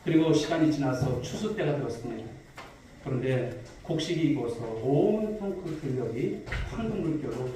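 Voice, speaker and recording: Preaching to his congregation in a large church sanctuary, this male pastor tells stories and poses questions. His voice is on the high side with a dark tone. A distant mic in the reverberant hall makes him sound far off and very echoey, and there's a little hiss or hum.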